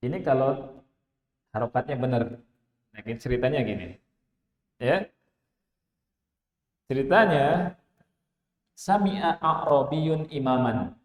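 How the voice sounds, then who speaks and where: Slow-speaking man teaching in an echoey hall. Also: mid-range voice. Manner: slow, conversational teaching with rhetorical questions. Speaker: Islamic teacher. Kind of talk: Arabic grammar lesson.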